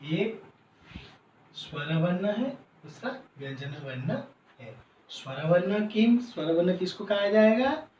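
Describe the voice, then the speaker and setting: A man teaching as a Sanskrit teacher, slowly explaining each point in Sanskrit and then again in Hindi. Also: sits high, expressive, a little mellow. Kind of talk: classroom lesson. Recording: roomy, distant, dull sound with faint noise.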